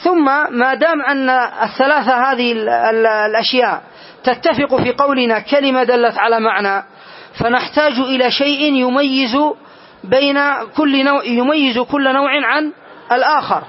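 High-voiced man teaching grammar, lo-fi. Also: moderate pace. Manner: patient, repeats key phrases. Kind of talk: classroom lesson. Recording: dull lo-fi recording.

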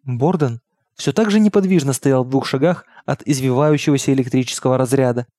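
A man reading an audiobook in steady, measured narration. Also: medium pitch, no room sound, studio quality. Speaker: audiobook reader. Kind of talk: scripted narration.

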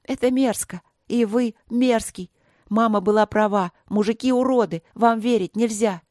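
A woman voicing a hot-tempered teenage schoolgirl who shouts at the people around her in a story reading. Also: fairly high pitch, normal speed, no echo, studio quality, pitched above the performer's own voice, natural voice. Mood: furious. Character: fierce furious teenage schoolgirl.

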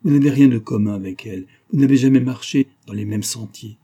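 A man's voice: mid-range voice, normal speed, dark tone, husky, close to an everyday voice. A man reading the lines of a stern, embittered husband, icy and sarcastic. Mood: cold.

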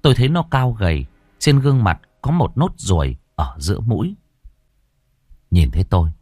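Low-voiced man telling a horror story. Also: slightly rough, no room sound, studio quality. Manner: expressive, dramatic storytelling. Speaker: narrator. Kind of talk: audio horror story narration.

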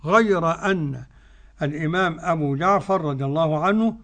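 An older man with an Egyptian accent teaching Quran recitation, explaining the rules in colloquial speech and chanting the verses slowly. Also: fairly high pitch, a bit bright. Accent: Egyptian Arabic.

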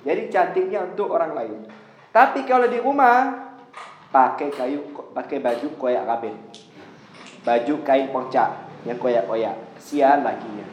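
A man giving a lively religious lecture, telling everyday stories and acting out quoted voices. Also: medium pitch, a little hiss or hum. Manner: animated storytelling, acts out quoted voices. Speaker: preacher. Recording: echoey hall with faint ambience.

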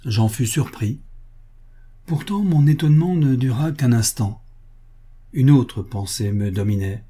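A man reading a literary tale aloud as narrator, measured and expressive. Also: medium pitch, breathy edge. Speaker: audiobook reader.

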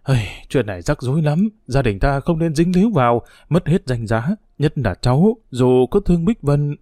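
A man's voice: medium pitch, animated, normal speed, mellow, no room sound, clean studio sound, close to an everyday voice. A man voicing a worried, proper older aunt in a storybook reading. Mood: alarmed. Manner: anxious, fretful questioning.

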